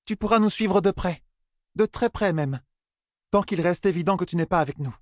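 A man's voice: high voice, moderate pace, dry recording, studio quality, voice pushed up, close to an everyday voice. A man reading an audiobook voices a proud, stubborn young woman who bargains coldly. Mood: insistent. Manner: stubborn, cutting, defiant.

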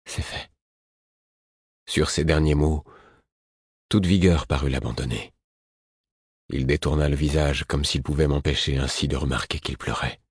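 A man reading a first-person audiobook in a measured, somber manner. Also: rumbling low, steady tone, husky, dry recording, clean studio sound. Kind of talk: audiobook narration.

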